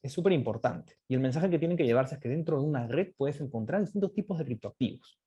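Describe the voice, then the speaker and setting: Speaking at a quick, expressive clip, the crypto economics guest lecturer has a medium-pitched, warm voice with a breathy edge, though the audio sounds dull. He explains his slides step by step, frequently finishing a point with a tag question.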